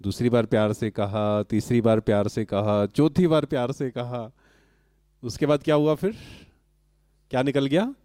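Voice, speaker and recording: A man speaks to a live audience, posing questions and then answering them himself. His voice is mellow, and it sits close and dry on the mic, with little room sound. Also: mid-range voice, steady tone, moderate pace, no room sound. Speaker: spiritual speaker addressing an audience. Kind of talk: interactive talk to a live audience.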